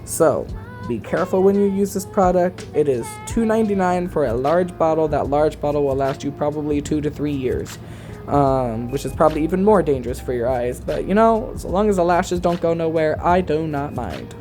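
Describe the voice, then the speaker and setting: Sassy, mellow-voiced male drag queen. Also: fairly high pitch, moderate pace, soft background music. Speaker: drag queen makeup tutorial host. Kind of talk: casual tutorial voice-over.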